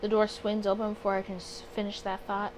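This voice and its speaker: Speaking quickly in a monotone, mid-range voice, the host of a gaming channel runs a laid-back let's play. She reads visual novel text aloud, rambles, keeps stopping to correct herself and apologize, and background noise sits under her home recording.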